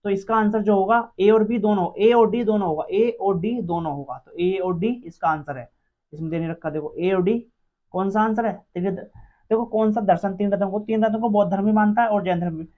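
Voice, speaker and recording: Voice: medium pitch, fairly quick. A teacher running an exam-prep quiz lesson, asking each question aloud and answering it, repeating every answer several times. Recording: dull lo-fi recording.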